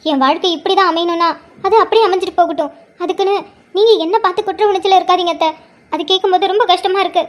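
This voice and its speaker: A woman's voice: very high voice, steady tone, rapid-fire. A woman voicing a hurt young mother who speaks emotionally and tearfully but stands firm. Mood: pleading. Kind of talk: cartoon drama voice acting.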